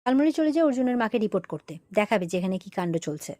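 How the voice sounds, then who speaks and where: Fast-talking woman retelling a serial. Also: medium pitch, sing-song, mellow. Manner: brisk storytelling, briefly acting out each character's lines. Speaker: serial recap narrator. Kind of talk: retelling a TV serial episode, quoting characters.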